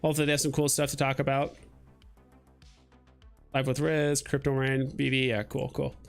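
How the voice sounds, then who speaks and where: A man's voice: medium pitch, moderate pace, creaky, clear, resonant tone, faint music behind. A young man hosting a casual livestream, talking in a loose, rambling way with lots of "like" and "um". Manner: rambling, relaxed, lots of fillers like "like" and "um". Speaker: livestream host.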